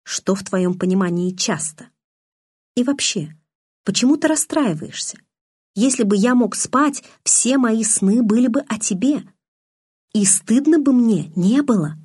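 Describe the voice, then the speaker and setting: A woman voicing a calm, gentle, secretive teenage boy in an audiobook, speaking softly and matter-of-factly. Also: a little high, a little slow, husky, no room sound, studio quality, pitched above the performer's own voice. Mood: quiet, gentle. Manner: soft-spoken, matter-of-fact. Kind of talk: audiobook character reading.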